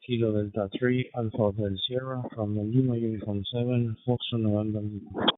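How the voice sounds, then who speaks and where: A man from Argentina with an Argentine accent makes an amateur radio contact. He speaks carefully and politely, with halting phrases, in a low voice. The sound is dry and squeezed into a narrow, phone-like radio band. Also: level tone, no echo. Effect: radio transmission.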